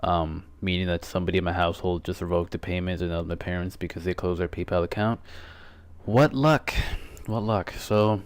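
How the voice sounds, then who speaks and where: A man's voice: sits low, completely flat delivery, clear, resonant tone, no echo. A teenage boy casually commenting on an online game battle, rambling and correcting himself, a bit out of breath. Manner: rambling, self-correcting, quick asides. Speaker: gaming YouTuber.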